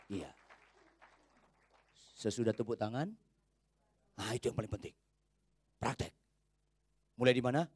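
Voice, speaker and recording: A man preaching a sermon from a church pulpit, swinging between loud, high exhortation and quiet asides while quizzing his congregation. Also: dry recording. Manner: asks the congregation quick check questions. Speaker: pastor.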